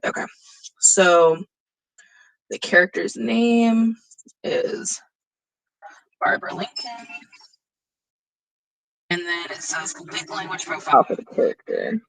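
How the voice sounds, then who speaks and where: A young woman teacher with a lower voice than most women, giving a casual, chatty recorded lesson and thinking aloud as she works. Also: a bit bright, no echo, low-quality recording. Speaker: drama teacher.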